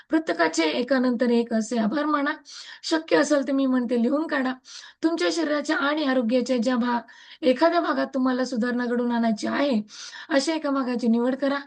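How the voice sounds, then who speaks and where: A woman's voice: high voice, fairly even intonation, fairly quick. A woman with a Marathi accent leading a gratitude practice over a video call, earnest and repeating her thanks in chant-like runs. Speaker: gratitude practice group leader. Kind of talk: guided reading and affirmations. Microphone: laptop mic on a video call.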